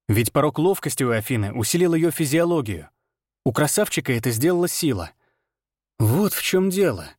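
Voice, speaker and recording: A man narrating a fantasy novel in the first person, reading in a steady, even storytelling manner. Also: mid-range voice, dry recording, studio quality. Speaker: audiobook narrator.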